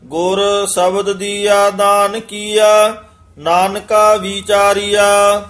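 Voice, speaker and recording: A man reciting scripture in a slow, measured chant, with the lines sung through. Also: sits high, level tone, fairly bright tone, soft background music.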